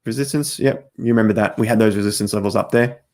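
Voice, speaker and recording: Host type: low, gravelly man, chatty livestream chart talk straight to camera, voice fraying and hoarse. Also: quick pace, darkish tone. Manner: chatty, talks straight to viewers while walking through charts. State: losing his voice, coughing. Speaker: crypto market host. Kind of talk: casual livestream chart commentary.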